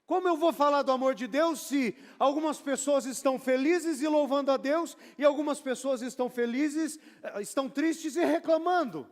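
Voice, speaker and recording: A pastor, reading scripture and explaining it with casual asides in a sermon. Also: male voice, extremely high pitch, moderate pace, hardly any pauses. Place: church sanctuary. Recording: long church hall reverb.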